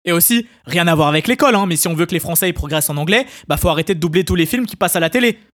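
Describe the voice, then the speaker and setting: A man's voice: fairly high pitch, lively intonation, a bit bright. A French man hosting a comedy podcast, sarcastic and full of asides. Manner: sarcastic, rapid, peppered with hein and tu vois. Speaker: podcast host. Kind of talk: scripted comedy monologue.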